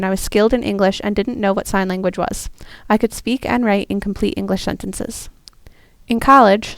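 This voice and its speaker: A young woman, a student interpreter, voicing a first-person story in an earnest, steady way. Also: medium pitch, gravelly, no echo. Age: young adult.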